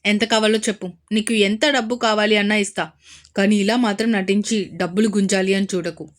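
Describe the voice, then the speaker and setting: A woman's voice: mid-range voice, steady tone, a little fast, lightly acted. A woman voicing a stern, threatening young husband. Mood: angry, threatening. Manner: threatening, harsh warnings. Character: stern angry rich young husband, man.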